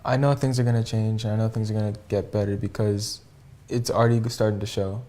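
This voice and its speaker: Fast, flat-toned young male student. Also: lowish voice. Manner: firm and determined. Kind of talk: interview answers.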